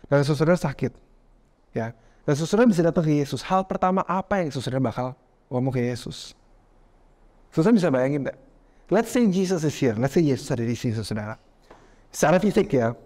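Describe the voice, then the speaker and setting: A man preaching a lively sermon, talking straight to his listeners and slipping English phrases into his talk. His voice sits a little higher than most men's. His delivery is animated and direct.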